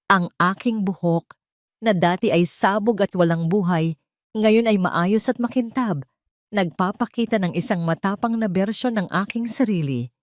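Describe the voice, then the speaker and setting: A woman's voice: mid-range voice, moderate pace, no room sound, studio quality. A woman narrating a dramatic first-person story in a tense, suspenseful, emotional way.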